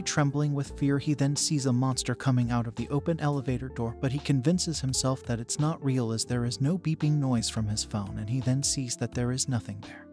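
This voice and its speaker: A man narrating a comic story recap in a steady, plain storytelling manner. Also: medium pitch.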